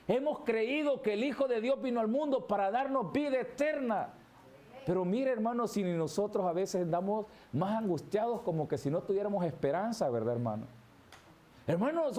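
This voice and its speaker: A man's voice: extremely high pitch, a little mellow. A male pastor preaching a Bible study sermon, reading scripture and constantly calling his listeners brother. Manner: addresses listeners as "hermano" constantly. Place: church.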